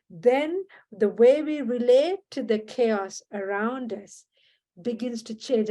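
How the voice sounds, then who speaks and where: A woman speaks in a slightly raised voice as a podcast guest. She talks earnestly and in measured phrases, pausing and restarting as she gathers her thoughts. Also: fairly high pitch, a little mellow. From Sri Lanka. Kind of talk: reflective podcast conversation.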